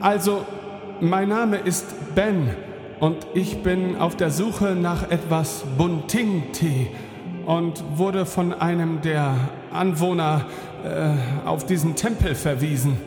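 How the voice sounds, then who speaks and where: A naive, earnest space adventurer played by a man in a radio play, with a high voice. The delivery is slow and halting. Long reverb surrounds it. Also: fairly even intonation. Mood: nervous, halting. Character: hesitant, naive male space traveller, droid's master. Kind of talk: audio drama acting. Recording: echoey long reverb, under music.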